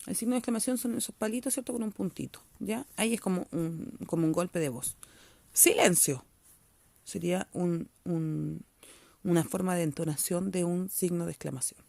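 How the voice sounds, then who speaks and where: Gravelly-voiced woman teacher, dry recording. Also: lowish voice, fairly quick, no echo. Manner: checks in with "¿cierto?" constantly, patient and explanatory; reads aloud with expressive intonation. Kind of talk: virtual class reading aloud and explaining.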